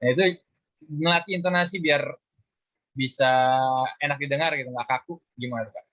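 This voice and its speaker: A man's voice: a little high, brisk, bright, forceful tone, no echo. A man, a webinar participant, asking a hesitant question about voice-over intonation. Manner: hesitant, searching for words. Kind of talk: casual question on a call. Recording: dull online call audio.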